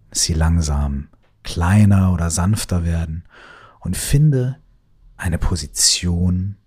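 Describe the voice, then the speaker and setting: Male meditation guide, very deep, husky voice, slow and soothing delivery that drifts into whispers. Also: a little mellow.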